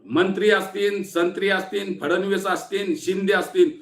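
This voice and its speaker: A man's voice: high-pitched, fairly even intonation, normal speed, fairly bright tone, reverberant. A man from Maharashtra with a sore throat, giving an angry, taunting political warning speech. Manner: fierce, taunting, threatening. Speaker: activist speaking to camera.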